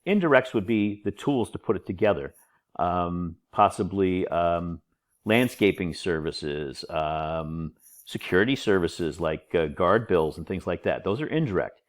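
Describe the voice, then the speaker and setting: A middle-aged college instructor with a deep, expressive voice speaks unhurriedly in a recorded online lecture over slides. He sounds a little nasal from a cold and keeps things informal and chatty, tossing in joking asides.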